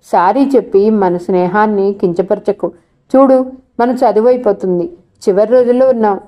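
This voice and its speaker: A teasing, coaxing young college girl from a storybook reading, as a woman reader puts her on. Her voice is mellow and dark. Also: medium pitch, normal speed, natural voice.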